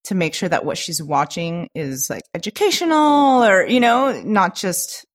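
Lively animated woman co-host. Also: lowish voice, unhurried. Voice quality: animated, laughs often, swears casually. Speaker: podcast co-host. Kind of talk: casual chat.

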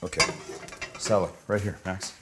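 A man's voice: low voice, fairly even intonation, normal speed. A man talking viewers through a dish like a cooking show host, chatty, informal and opinionated. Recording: clear background noise with kitchen clatter.

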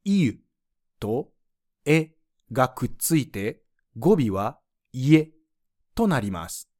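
A man's voice: medium pitch, very animated, takes it slowly, a little mellow. A man teaching French pronunciation in a scripted lesson, explaining the rules patiently and spelling out sounds one by one.

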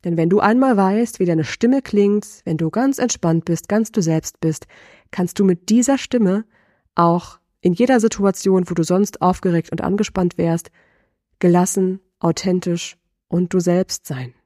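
A middle-aged woman voice coach giving a lesson, asking the listener slow, deliberate reflective questions. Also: lowish voice, warm tone, no room sound, studio quality.

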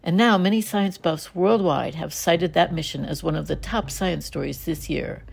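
American female science news host; deep register, strong gravelly fry, scripted read. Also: moderate pace, darkish tone. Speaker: science show host and volunteer reporter.

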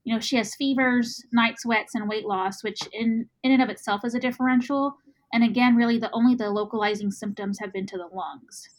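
A woman's voice: fairly high pitch, steady tone, a little fast. A woman with a Texas accent discussing a medical case, hesitant, with many ums. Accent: Texan.

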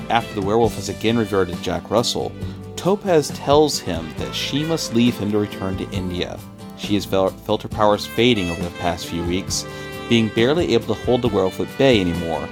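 A man co-hosting a comic book podcast, reading out the credits and plot of an issue, then chatting casually about it. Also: fairly low pitch. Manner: reads issue credits and plot recap, then chats with many fillers and repeats. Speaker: podcast co-host.

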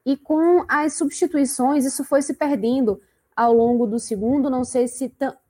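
A woman's voice: fairly high pitch, mellow. A woman hosting a football talk show, chatting and handing questions to her co-hosts. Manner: conversational, asks guests for analysis. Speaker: show host.

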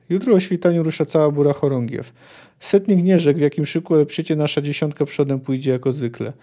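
A coarse, gruff squad leader with rough, old-fashioned soldier's talk, as a man reads his lines. The voice is fairly high and mellow. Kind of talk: book reading aloud.

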